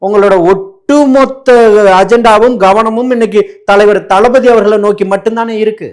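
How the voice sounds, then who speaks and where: A man's voice: high voice, fairly even intonation. A man arguing in a heated political debate, mocking and talking over his opponent. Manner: mocking, rapid-fire, interrupting.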